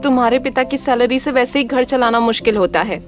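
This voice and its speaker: A woman plays a sharp-tongued middle-aged mother in a dubbed film, scolding her son. Her voice is high. Film music runs beneath. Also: a little fast, natural voice. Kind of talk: Hindi film dub.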